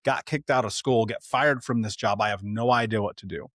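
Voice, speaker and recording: A man's voice: on the low side, fairly quick, fairly bright tone, no echo, clean studio sound. A man from the United States, a podcast guest, telling his own life story in a candid, emphatic way, swearing casually and acting out old conversations. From Indianapolis, United States. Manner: blunt and emphatic, swears casually, retells past dialogue.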